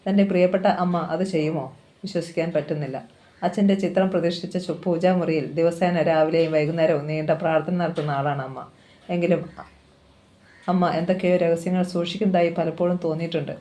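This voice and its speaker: A reader narrating a novel aloud at a steady, measured pace. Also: medium pitch.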